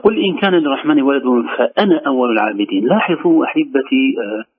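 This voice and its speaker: Male tajweed teacher, slow careful demonstrations, husky voice, tinny phone line. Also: medium pitch, sing-song. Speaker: Quran recitation teacher. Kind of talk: tajweed instruction on a radio call-in show. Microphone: telephone.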